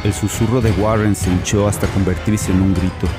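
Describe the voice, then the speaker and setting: An actor narrating as a haunted man recounting a horror, with grave, measured horror storytelling. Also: lowish voice, level tone, lightly acted. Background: music.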